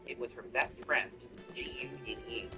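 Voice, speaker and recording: A man narrating a first-person story in an animated storytelling manner. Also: medium pitch, moderate pace, creaky, low-quality recording. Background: background music.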